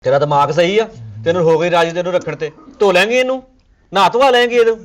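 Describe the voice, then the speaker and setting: Punjabi guy ranting sarcastic, high voice, talks fast. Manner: exasperated, sarcastic complaining. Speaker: comedy sketch actor. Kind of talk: comic sketch dialogue.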